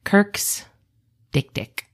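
A woman hosting a casual animal review podcast, chatty and playful with dry jokes. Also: extremely slow. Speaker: podcast host.

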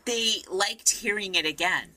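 A woman's voice: medium pitch, a little slow, bright, forceful tone, low-quality recording. A woman chatting casually, with a dry, joking manner. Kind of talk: casual chat.

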